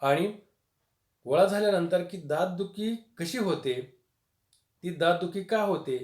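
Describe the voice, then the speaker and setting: A man's voice: sits high, measured pace. Echoey male teacher explaining a humorous text. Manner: acts out the quoted dialogue with rising, louder lines; repetitive, with many fillers. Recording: echoey room.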